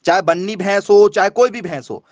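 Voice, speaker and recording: High-voiced coaching teacher, dry. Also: male voice, fairly quick, darkish tone, dry recording. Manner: asks questions and answers them himself, repeats key points. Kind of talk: online exam coaching lesson.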